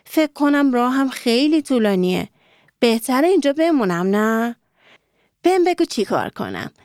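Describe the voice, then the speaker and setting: Little frog, played by a woman, chirpy, sing-song, high, bouncy storybook critter. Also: sing-song, darkish tone, no echo, clean studio sound. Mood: eager. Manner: sing-song croaking chant. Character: small cheerful pond frog, eager and chirpy.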